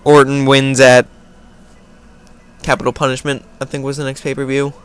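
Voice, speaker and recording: This American man hosts a laid-back question-and-answer video, reading out viewers' questions before tossing off his answers. He speaks at a moderate pace in a mid-range, clear, resonant voice, with a flat delivery.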